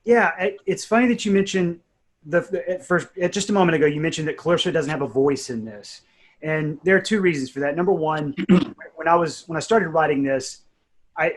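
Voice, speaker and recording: A man who writes and narrates audio drama casually explains and reflects on his creative process. His pitch is fairly high and he talks a little fast.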